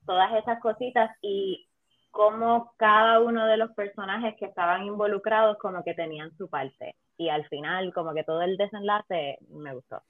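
Spanglish-speaking woman, phone-like sound. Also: on the low side. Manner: Spanglish, mixing English words into Spanish. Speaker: panelist in a film discussion. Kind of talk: casual chat, film review. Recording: thin, phone-like, roomy sound.

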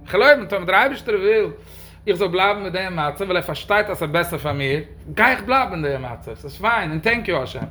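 A man's voice: high voice, lively intonation, brisk, pushed and bright. A man giving a religious question-and-answer talk, speaking emphatically with sudden raised stresses.

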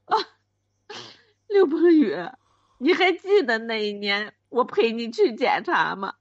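A woman's voice: fairly high pitch, sing-song, unhurried, dry recording. A woman playing a wronged wife of ten years in a comedic radio skit, speaking, wailing and pleading. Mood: insistent. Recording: dry, dull lo-fi sound.

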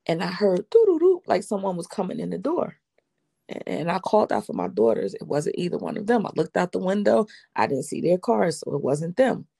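A middle-aged woman earnestly recounting a personal faith testimony, slow and heartfelt, quoting her own prayers. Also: on the low side, gravelly, dark tone, slightly rough, dry recording, clean studio sound. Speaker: widow giving a testimony.

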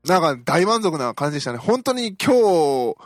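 A man's voice: a little high, very animated, normal speed, no echo, clean studio sound, soft background music. A man hosting a podcast, giving a casual, chatty film review with frequent fillers and self-deprecating fan humor. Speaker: podcast host.

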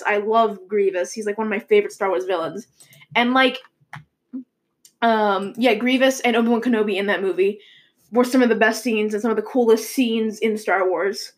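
Like a show host, a young woman with a somewhat high voice talks through movie news at a fairly quick pace. Her delivery is loose and rambling, packed with fillers and restarts.

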